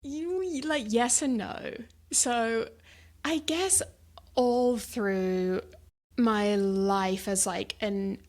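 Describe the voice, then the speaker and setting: A woman's voice: fairly high pitch, extremely slow, darkish tone. A woman in her thirties from the south of England with an English accent, chatting animatedly as an interview guest and laughing often. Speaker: guest, supper club founder. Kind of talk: casual interview chat.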